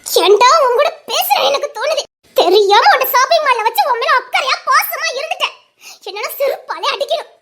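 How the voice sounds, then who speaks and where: A woman's voice: very high-pitched, fairly even intonation, a little fast, pauses often, warm tone. An actress playing a hurt, angry young woman in love who scolds and cries. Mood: bitter scolding. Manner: tearful, scolding. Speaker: heroine of a web drama. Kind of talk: emotional drama acting.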